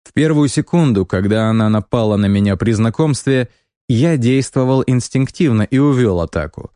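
A man narrates a first-person fantasy audiobook in a calm, measured, wry way. His voice is mellow and dark, of ordinary pitch, recorded close in a dry, deadened space. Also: no echo.

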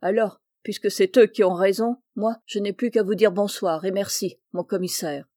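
A woman's voice: medium pitch, steady tone, normal speed, warm tone, no echo, clean studio sound, close to an everyday voice. A woman doing a stubborn old skipper. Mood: indignant. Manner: obstinate, indignant, rustic. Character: stubborn male fishing-boat skipper, proud.

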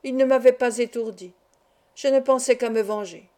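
A woman reads a novel aloud in a calm, measured way. Her voice sits a little high and sounds warm and mellow. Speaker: audiobook reader. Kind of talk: audiobook narration.

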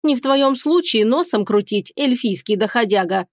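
A woman voicing a proud, scornful harpy queen in an audiobook, drawn-out and hissing. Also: fairly high pitch, expressive, no echo, studio quality, lightly acted. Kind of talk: audiobook character reading.

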